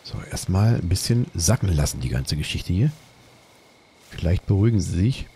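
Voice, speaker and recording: A man commenting on his own gameplay, excitable, swearing and repeating panicked exclamations. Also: low voice, moderate pace, a little hiss or hum. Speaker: let's play gamer.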